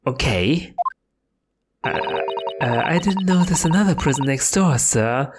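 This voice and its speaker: A nervous, polite young defense lawyer in a video game, read by a man in his own voice. He hesitates and stumbles, and his pitch swings about in a lively way. Slow delivery, with game music playing behind.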